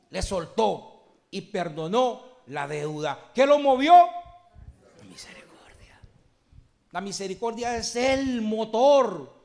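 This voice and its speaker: A man preaches a sermon. He swings between shouted, ringing lines and low, hushed ones. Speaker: pastor.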